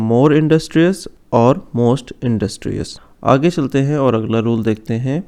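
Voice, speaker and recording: A man teaching English grammar in an online lesson, slowing down to stress each example word. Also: medium pitch, mellow, clean tone. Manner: slow, careful stress on example words.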